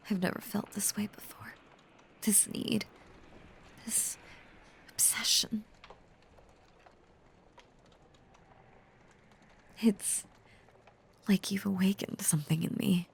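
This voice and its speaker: A woman performs a possessive werewolf lover in an intimate audio roleplay, yearning and intense, using an exaggerated voice at medium pitch. Breathy and frequently whispering, her halting, confiding delivery feels tender and menacing at once.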